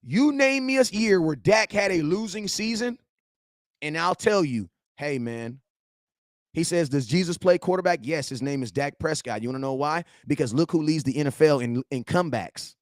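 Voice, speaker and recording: A man, reading and answering viewer chat in a slangy, animated sports rant. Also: fairly high pitch, moderate pace, dry recording, clean studio sound. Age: 40s. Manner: animated, slangy trash talk, shouts at chat. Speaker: sports fan streamer.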